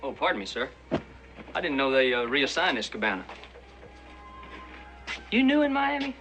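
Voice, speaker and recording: An actor playing a sly, slangy small-time hustler making chummy, wheedling sales patter in a film. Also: male voice, mid-range voice, huge pitch swings, moderate pace, music in the background, rough recording.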